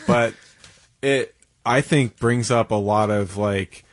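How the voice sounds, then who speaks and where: A man co-hosting casual talk radio, halting as he searches for words. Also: fairly low pitch. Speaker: radio show co-host.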